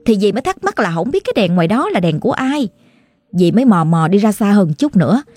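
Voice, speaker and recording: A woman with a Southern Vietnamese accent tells a ghost story as if chatting with a friend, full of exclamations. Her voice is dark and mellow, and the recording is dry and close. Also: medium pitch, big pitch swings, fast, slightly rough, no echo.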